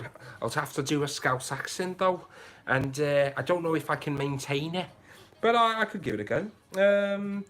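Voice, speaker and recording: A man's voice: mid-range voice, fairly bright tone. A man hosting a casual livestream, reading out viewer comments and musing aloud in a chatty way, often restarting his sentences. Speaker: livestream host.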